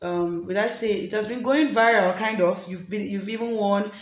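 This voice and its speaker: Chatting casually on her channel, this Nigerian vlogger and host fills her speech with fillers and restarts. She talks at a moderate pace in a medium-pitched voice, and the room echoes with a faint noise underneath.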